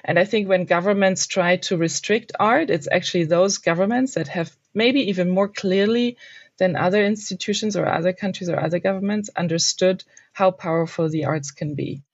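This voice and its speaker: A woman panelist talks in a gravelly, hesitant way, pausing often and filling gaps with ums. The sound is dry and close, but dull and lo-fi. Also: fairly low pitch, no room sound. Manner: hesitant, many pauses and ums. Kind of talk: panel discussion.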